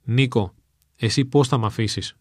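A man voicing a mortally wounded guerrilla captain, speaking low and strained with pain. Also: a little mellow, breathy edge, no echo, clean studio sound, natural voice. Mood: agonized.

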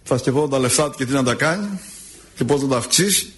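A man preaching a sermon as an Orthodox preacher, telling stories in an expressive, drawn-out way. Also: mid-range voice, slight background noise. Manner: expressive, drawn-out storytelling delivery.

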